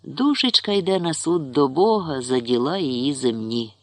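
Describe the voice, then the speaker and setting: A man voicing a gentle, wise old village grandfather, slow and thoughtful, in a lowered voice. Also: animated, no room sound, close to an everyday voice.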